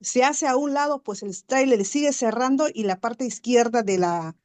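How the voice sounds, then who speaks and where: A woman guest telling a story in casual conversation, chatty and animated, leaning on fillers and tag questions and acting out sounds. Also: on the high side, normal speed.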